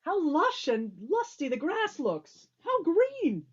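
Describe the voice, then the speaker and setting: A woman's voice: fairly high pitch, big pitch swings, normal speed, a little mellow. A woman playing an earnest, long-winded, optimistic old courtier in a Shakespearean drama, on slightly dull audio. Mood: earnest, cheerful. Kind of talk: Shakespearean stage drama performance.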